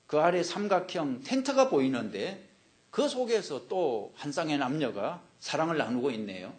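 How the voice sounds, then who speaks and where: A man's voice: on the high side, very animated, normal speed, a little mellow. A man voicing an indignant male patient in a joke, describing what he sees and then protesting. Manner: defensive, rising to an angry protest. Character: indignant man at a psychiatrist's office.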